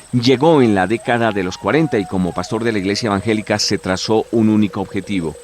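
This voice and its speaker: A man with a lowish voice reads scripted documentary narration in a measured, formal tone. Soft music plays faintly behind him.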